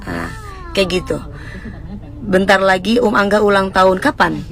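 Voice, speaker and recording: A woman's voice: medium pitch, sing-song, a bit bright. A woman in her thirties with an East Javanese accent, chatting casually and emphatically with viewers on a livestream. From East Java, Indonesia. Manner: emphatic, fiery and fast, self-described as fervent. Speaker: livestream host answering viewers.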